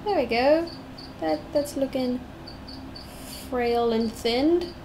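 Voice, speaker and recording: Her voice is high and her pace slow: a young South African woman whose English blends British and American-tinged sounds. Drawing on a live stream, this digital artist chats, hums, and wanders from thought to thought. There's constant noise in the recording, with crickets in the background.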